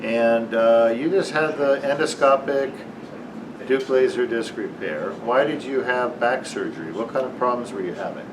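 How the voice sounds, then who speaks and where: A man's voice: mid-range voice, normal speed. An American man, a surgeon, casually interviewing a patient and explaining things in an informal way. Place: surgery center recovery area, indoors. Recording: distant mic, clear room noise.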